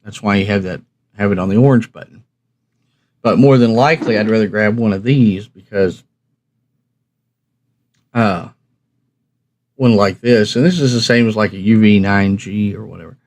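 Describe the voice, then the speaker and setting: Speaking directly to his audience, a man with a fairly low, darkish voice explains things in a relaxed, how-to style, pausing often at a moderate pace. He comes across as plain-spoken and folksy, wandering a bit like someone hosting a hobby review channel.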